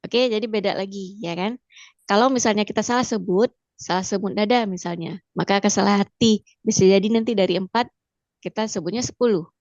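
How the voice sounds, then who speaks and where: A woman with an Indonesian accent leads a pronunciation lesson, drilling each sound slowly and patiently. Her voice sits in the middle range. The recording is dry and a little dull. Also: mid-range voice, a little mellow, no echo. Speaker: Mandarin teacher. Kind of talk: online language lesson.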